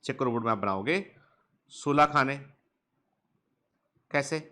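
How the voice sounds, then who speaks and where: A man's voice: medium pitch, measured pace, pushed and bright. A man teaching biology in an online lecture, drilling his students with repeated questions and playful scolding. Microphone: touchscreen device close up.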